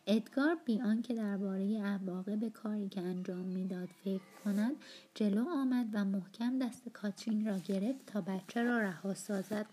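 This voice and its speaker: A woman narrating an audiobook of a novel in a calm, steady storytelling manner. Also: mid-range voice.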